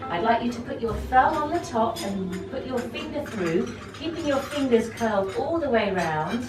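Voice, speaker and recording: A woman teaching etiquette to a young group, prim, polite and gently encouraging. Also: on the high side, animated, normal speed, noisy background. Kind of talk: instructional talk to a young group. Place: echoey indoor tea room with clinking china. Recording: echoey room, distant mic, loud music, clinking dishes.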